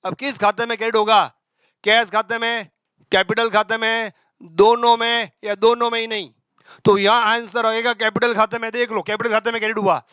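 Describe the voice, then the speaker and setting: Guy teaching accounting exam prep, high bright voice, slight flavour, quick and brisk, keeps voicing the students' questions. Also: level tone, clean tone, no echo.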